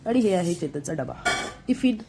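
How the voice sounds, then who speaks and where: A woman's voice: lowish voice, big pitch swings, normal speed, creaky, noisy background. Chatty Marathi woman vlogging at home. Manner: chatty, shows items to camera. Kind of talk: casual family vlog narration.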